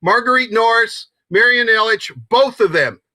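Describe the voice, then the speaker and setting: High, bright-voiced excitable sports host. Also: male voice, normal speed, dry recording. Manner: excitable, rambling with many restarts. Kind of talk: casual sports talk.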